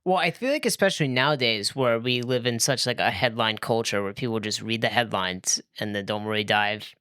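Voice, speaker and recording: A man co-hosting a casual film discussion podcast, chatty and wry, getting animated as he riffs. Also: mid-range voice, fairly quick, clean tone. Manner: chatty, wry, gets animated when riffing. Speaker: podcast co-host.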